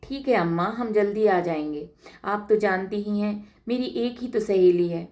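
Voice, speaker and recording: A woman's voice: medium pitch, moderate pace, darkish tone, lightly acted. A woman voicing an affectionate young village woman back from college, in a read-aloud story.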